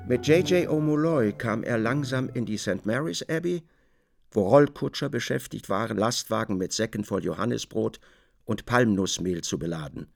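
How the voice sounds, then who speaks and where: A man narrating a literary radio play in a measured, even storytelling manner. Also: mid-range voice, creaky, faint music behind.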